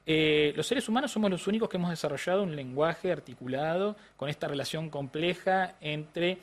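A man's voice: on the high side, fairly quick. A man with a Rioplatense Spanish accent, explaining science in a didactic interview style with frequent tag questions. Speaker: neuroscientist guest.

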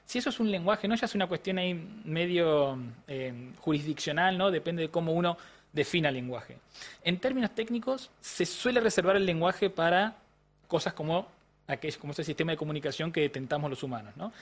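Didactic Rioplatense man, higher voice. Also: a little fast. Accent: Rioplatense Spanish. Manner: didactic, frequent tag questions. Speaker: neuroscientist guest. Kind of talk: explanatory interview answers.

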